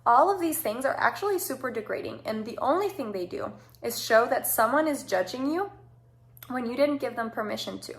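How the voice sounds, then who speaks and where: High-pitched woman giving direct, emphatic advice. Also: lively intonation, brisk. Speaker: speaker giving social advice. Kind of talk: informal advice talk.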